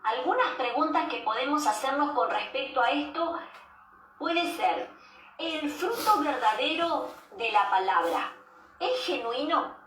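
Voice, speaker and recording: A woman giving a devotional sermon as a preacher, measured and repeating key phrases for emphasis. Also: high voice, animated, fairly bright tone. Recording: roomy echo, distant mic, faint background noise.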